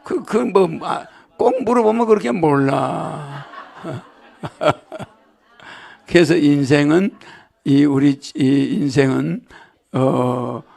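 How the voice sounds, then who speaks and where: A man's voice: a little high, extremely slow, gravelly, pauses often, a little mellow. A man giving a lecture to a live audience, rambling and joking, often asking the crowd rhetorical questions. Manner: jokes and laughs with the audience. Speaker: spiritual lecturer.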